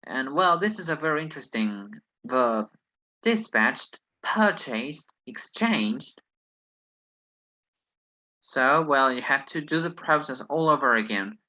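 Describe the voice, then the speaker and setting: A man's voice: mid-range voice, animated, takes it slowly, pushed and bright, highs cut off. A man who is not a native English speaker teaches an online lesson, reasoning hesitantly through exercises with many fillers. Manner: hesitant, thinks aloud, many "well"s.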